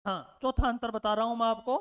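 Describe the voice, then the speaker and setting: A man's voice: extremely high pitch, steady tone, brisk, clean tone, in a large hall, muffled recording. A man teaching a lesson, repeating his words and asking rhetorical questions, calling his learners children. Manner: addresses learners fondly as children. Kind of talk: classroom lecture.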